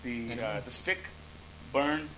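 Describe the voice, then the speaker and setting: A man preaching in English, telling a story and acting out his talks with God, pausing for an interpreter. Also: mid-range voice, lively intonation, low-quality recording. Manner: storytelling, acts out dialogue with God. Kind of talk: sermon with interpreter.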